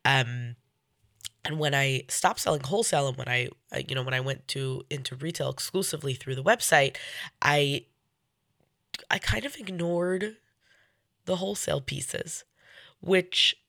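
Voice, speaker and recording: A woman hosting a casual solo podcast, sounding nasal from a head cold, speaking in a halting, self-correcting way. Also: low-pitched, fairly bright tone, no echo, studio quality. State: getting over a cold. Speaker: podcast host.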